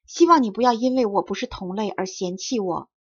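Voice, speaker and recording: A woman reading the lines of a shy young fox-spirit woman, gentle and hesitant, in a dull lo-fi recording. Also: medium pitch, lively intonation, fairly quick, husky, dry recording.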